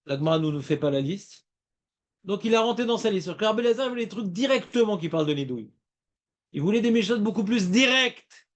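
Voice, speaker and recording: Guy with a pretty high voice teaching talmud, lively, keeps asking the class if they follow. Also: brisk. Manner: lively, asks students questions, playful rhymes.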